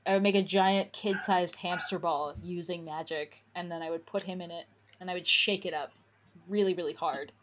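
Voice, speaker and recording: A woman co-hosting a casual chat, wry and quick to laugh. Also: lowish voice, fairly even intonation, slight background noise. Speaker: podcast co-host.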